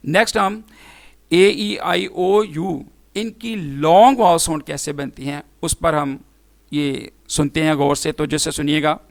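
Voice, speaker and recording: Man, English teacher, slow deliberate delivery, gravelly voice, spells out letters, formal classroom tone. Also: fairly high pitch, no room sound. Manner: spells out words letter by letter, then says them slowly; formal, addresses students directly. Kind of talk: phonics lesson.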